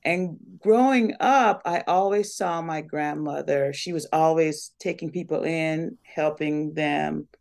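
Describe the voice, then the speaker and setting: A woman's voice: deep voice, slow, creaky, few pauses, darkish tone. A woman from Guyana, a community foundation CEO, talking earnestly as an interview guest. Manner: earnest, speaks of blessing and collaboration.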